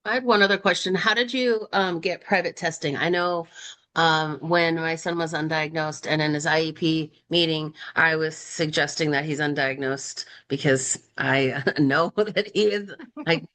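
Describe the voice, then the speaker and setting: Brief: mother in a Q&A, lower voice, halting, fillers. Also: steady tone, fairly bright tone. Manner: hesitant, with pauses and fillers. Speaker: parent attendee asking a question. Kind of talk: asking a question in a Q&A.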